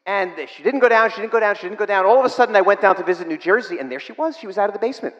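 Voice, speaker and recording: A man preaching a sermon, telling stories that rise to emphatic, excited bursts and then drop to hushed, soft passages. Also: high-pitched, rapid-fire, long reverb tail, highs cut off. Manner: storytelling, rising to emphatic bursts, dropping to soft near-whispers.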